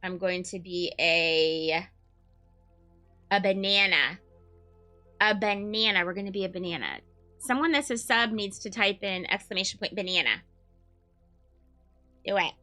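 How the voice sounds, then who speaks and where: A man streaming a game through a voice changer that makes him sound like a woman, excitable and swearing as he plays. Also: high-pitched, a little slow, pauses often, soft background music, pitched above the performer's own voice, heavily acted. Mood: playful. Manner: excitable, swears often, talks to himself while playing. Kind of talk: casual live-stream chatter.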